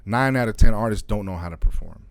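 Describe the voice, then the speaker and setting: A man's voice: on the low side, quick pace, dry recording. A man from Arizona, a DJ and radio station owner, talking loosely as a guest in an interview and often adding "you know what I'm saying.". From Arizona, USA. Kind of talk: casual interview talk.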